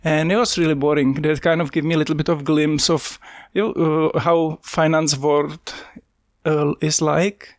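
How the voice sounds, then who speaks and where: A man's voice: on the high side, little pitch movement, normal speed, dry recording, clean studio sound. A man from the Czech Republic with a Czech accent, a podcast guest telling his story in an earnest, plain-spoken way with small slips in his English. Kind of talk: casual interview, telling his life story.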